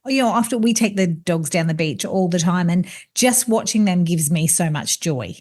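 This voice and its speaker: A woman's voice: on the low side, lively intonation, normal speed, darkish tone. A woman hosting a podcast, asking long, meandering questions in a casual chat. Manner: asks long, rambling questions. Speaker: podcast host.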